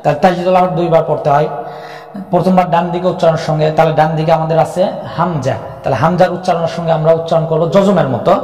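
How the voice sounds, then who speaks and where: A man's voice: fairly high pitch, steady tone, racing, darkish tone. A man teaching the rules of Quran recitation, patiently repeating each rule and drilling syllables. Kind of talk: Quran reading lesson. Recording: echoey room with long reverb.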